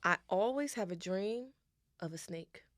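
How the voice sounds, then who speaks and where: A woman co-hosting a podcast, telling stories in an animated way and repeating her phrases in casual chat. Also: medium pitch, unhurried, dry recording, studio quality. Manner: animated storytelling, repeats phrases, spiritual talk. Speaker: podcast co-host.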